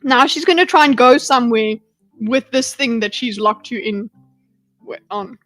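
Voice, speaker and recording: A woman's voice: on the high side, moderate pace, a bit bright, soft background music. Exasperated woman streamer reacting. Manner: exasperated, pleading asides; swearing, blunt. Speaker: livestream host reacting to a debate. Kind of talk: casual reaction commentary.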